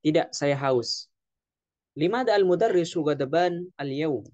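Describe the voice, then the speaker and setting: A man teaching an Arabic vocabulary lesson, explaining slowly and repeating words with frequent fillers. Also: on the high side, animated, a little mellow, no room sound, lo-fi sound. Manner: slow, repetitive explaining with frequent "ya". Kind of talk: classroom lesson.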